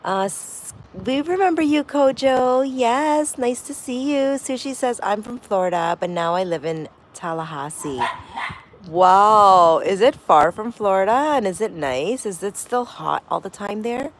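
A woman's voice: medium pitch, lively intonation, a little slow, a little hiss or hum. A woman hosting a casual livestream outdoors, reading viewer comments aloud and greeting them one by one. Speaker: livestream host. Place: windy backyard outdoors.

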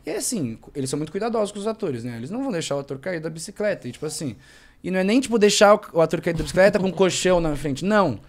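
A young man and actor, chatting casually as a podcast guest in a slangy, rambling, animated way. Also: high-pitched, rapid-fire.

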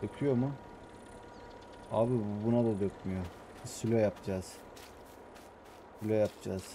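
A man with a Samsun accent, an adult with young kids, giving hushed, muttering commentary over a farming game, as his channel's host. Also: on the low side, fairly even intonation, moderate pace, slight background noise. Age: adult with young children. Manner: talks quietly, mutters to himself. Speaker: gaming YouTuber.

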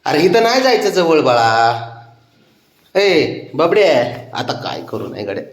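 A man's voice: on the high side, sing-song, unhurried, reverberant. A man talking to his cat in a coaxing, pleading way, like baby talk. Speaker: cat owner. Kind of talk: casual talk to a pet.

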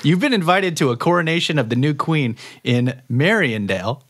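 A man's voice: expressive, moderate pace, fairly bright tone. A man running a tabletop game as game master, reading out choices playfully and laughing often. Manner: playful, laughing, rising pitch on scores.

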